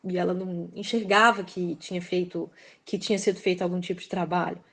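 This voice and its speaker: Fairly low, creaky, and fairly bright, the Belo Horizonte author's voice moves little in pitch as she talks fairly quickly in a casual interview. Her Minas Gerais accent comes through as she reflects, hesitates, fills with "assim," and laughs often.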